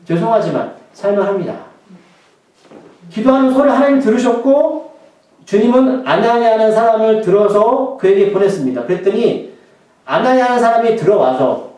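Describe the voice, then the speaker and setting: A man's voice: high-pitched, dark tone, very echoey, far from the mic, poor audio. A male pastor delivering a sermon in a conversational way, often throwing questions to the congregation.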